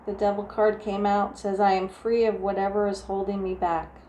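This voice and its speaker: A woman with a New Jersey accent doing a casual tarot reading, talking softly and meandering through restarts. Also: mid-range voice, little pitch movement, moderate pace. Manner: soft, meandering, full of restarts and "like". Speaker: tarot reader. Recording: echoey room with faint ambient noise.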